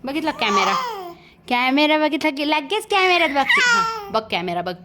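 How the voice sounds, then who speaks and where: High-voiced young mom in baby talk. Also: female voice, big pitch swings, normal speed. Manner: coaxing, sing-song, imitating baby speech. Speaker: mother. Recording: clear background noise.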